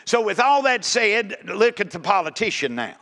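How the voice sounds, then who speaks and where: A man's voice: high voice, big pitch swings, moderate pace, bright, forceful tone. A man preaching a sermon in a nearly empty church, folksy and rising to emphatic exhortation. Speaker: pastor.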